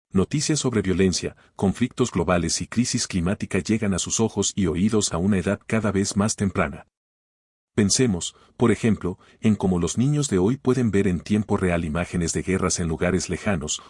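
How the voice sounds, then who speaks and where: A man hosting a podcast, reading scripted literary commentary in a measured, formal way and posing rhetorical questions. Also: low voice, a little mellow, breathy edge, no echo, clean studio sound. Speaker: podcast host.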